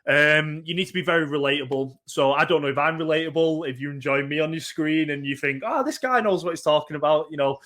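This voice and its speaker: A young man from Manchester, in Northern England, speaks with a Mancunian accent in a slightly high, bright voice. He gives a casual workshop talk on getting into esports, pausing often with ums and repeating words while he thinks.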